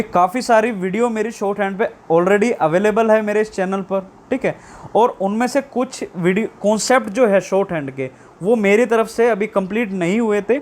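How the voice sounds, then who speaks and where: A man teaching shorthand online, explaining slowly and repeating key terms as questions. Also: high-pitched, darkish tone. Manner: drawn-out stress on English terms. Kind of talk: online lesson.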